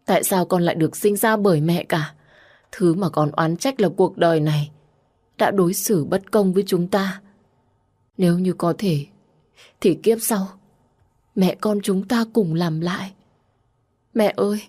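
A woman's voice: on the low side, normal speed, a little mellow, no room sound, natural voice. A woman voicing a grieving young daughter who speaks through tears, choked and sobbing, in a told story. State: crying.

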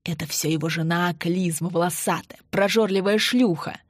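A woman's voice: lowish voice, moderate pace, dry recording, studio quality, close to an everyday voice. A woman reading the lines of a furious older father who has lost his business to a fire. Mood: bitter. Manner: bitter, hoarse outbursts.

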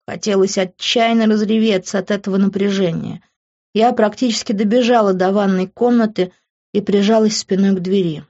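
A woman's voice: mid-range voice, warm tone, lo-fi sound. Woman reading a first-person novel. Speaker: audiobook narrator.

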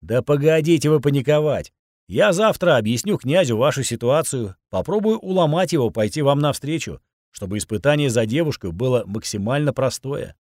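A man voicing a calm, evasive male leader who brushes off questions with reassurances. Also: mid-range voice, moderate pace, no echo, studio quality, natural voice. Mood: calm, dismissive.

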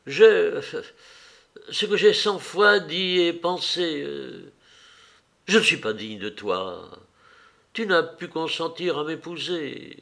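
A man's voice: on the high side, vocal fry, fairly bright tone, pitched above the performer's own voice, heavily acted. A man playing a tormented young fiancé. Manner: desperate, halting, with hesitations. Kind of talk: audiobook character voice.

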